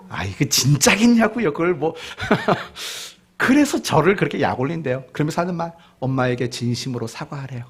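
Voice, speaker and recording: A male pastor preaching a sermon, questioning the congregation directly and mixing in humorous family stories, going from loud to hushed. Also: fairly high pitch, breathy edge. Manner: mixes in humorous family anecdotes.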